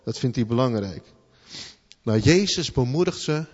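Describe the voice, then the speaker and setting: This preacher has a mid-range, slightly mellow voice with lively intonation and a moderate pace. His sermon is loose and conversational, full of rhetorical questions and "hè" tags, and he often repeats words as he thinks aloud. The hall reverb is long and the sound a little dull.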